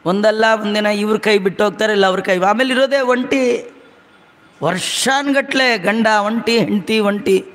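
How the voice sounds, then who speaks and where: A man giving a religious discourse, chanting verses slowly, then explaining them in brisk conversational asides. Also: high voice, fairly bright tone. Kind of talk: Kannada religious discourse with Sanskrit verse recitation. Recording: long hall reverb.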